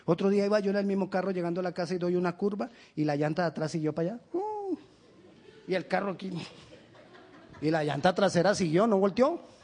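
Emphatic pastor, fairly high voice. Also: male voice. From Colombia. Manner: emphatic, direct preaching with rhetorical questions; animated storytelling with quick asides. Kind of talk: sermon.

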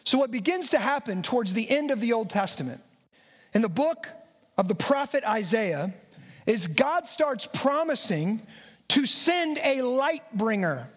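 Pastor, male, very high voice, emphatic sermon delivery, stacks repeated phrases, recorded in a reverberant sanctuary. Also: sing-song, unhurried. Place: church sanctuary. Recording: long reverb of a church hall.

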